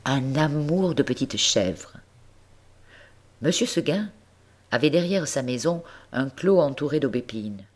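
A woman reading a classic story aloud, gentle and expressive, speaking to the listener. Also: rumbling low, unhurried. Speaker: audiobook reader. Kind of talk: storytelling narration.

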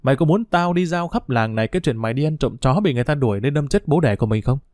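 A man voicing a sly, stubborn village dog thief who taunts and scorns in quick, rough speech. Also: medium pitch, lively intonation, darkish tone, no echo, clean studio sound, natural voice. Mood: scornful, taunting.

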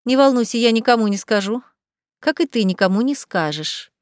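A woman's voice: a little high, lively intonation, a little fast, dry recording, studio quality, close to an everyday voice. A woman voicing a bold, mocking young noblewoman in a storybook reading, teasing and self-assured.

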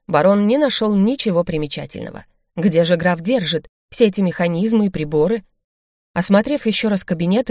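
A woman narrating an audiobook in a steady, even storytelling manner. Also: mid-range voice, no room sound, studio quality. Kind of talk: scripted narration.

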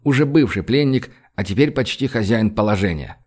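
A man narrating an audiobook in a measured, even storytelling voice, shifting his pitch for the characters' dialogue. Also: slightly rough.

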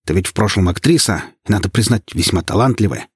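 A man's voice: fairly low pitch, fast talker, breathy edge, no echo, clean studio sound. A man voicing a sly, sarcastic male detective who mocks and uses slang. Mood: mocking. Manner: mocking, slangy.

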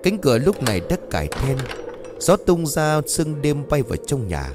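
Man, ghost story narrator, animated delivery, faint music bed. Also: fairly high pitch, moderate pace. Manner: dramatic, expressive telling.

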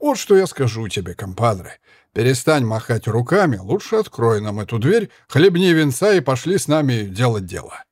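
A man voicing a hot-tempered, drunk Spanish soldier who shouts and curses in slurred bluster. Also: mid-range voice, very animated, moderate pace, no echo. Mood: drunken taunting.

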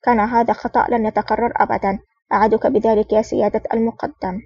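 An eager young female agent, earnest and respectful, as a woman reads her in her own voice. The delivery is rapid and even-toned, a little higher than middle pitch. The sound is dull and distant, with no room echo. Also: husky. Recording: dull, distant, dry recording.

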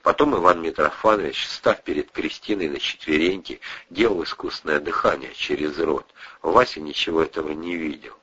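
A man's voice: a bass voice, normal speed, pushed and bright, husky. A man narrating an audiobook expressively, doing voices for the characters, on a muffled lo-fi recording.

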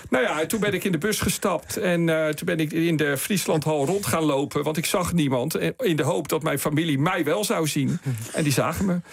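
Man, gravelly and husky, animated storyteller, radio studio guest. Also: fairly high pitch, a little fast. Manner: animated storyteller acting out quoted people. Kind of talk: spoken anecdote on night radio.

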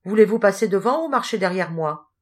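A woman's voice: mid-range voice, animated, a little fast, natural voice. A woman voicing a stern, pious old knight who lectures a young thief. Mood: scornful. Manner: solemn, moralizing.

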